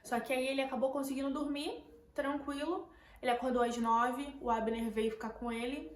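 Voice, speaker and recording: A woman's voice: high voice, steady tone, moderate pace. A young woman with a Brazilian Portuguese accent, retelling a tense night to her viewers in casual, emotional storytelling that keeps repeating words. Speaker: vlogger. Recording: echoey room, faint background noise.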